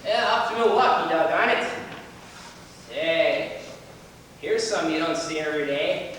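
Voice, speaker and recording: A man's voice: on the high side, lively intonation, measured pace, a bit bright, a little hiss or hum. Young man as a talkative older railroad father, folksy, stage musical; distant mic, long reverb. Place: theater stage before an audience.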